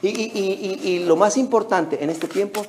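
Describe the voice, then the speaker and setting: High-voiced male pastor preaching, echoey hall. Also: moderate pace. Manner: animated preaching that acts out little phone dialogues; repeats words as he restarts phrases. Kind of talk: sermon. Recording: echoey hall with faint background noise.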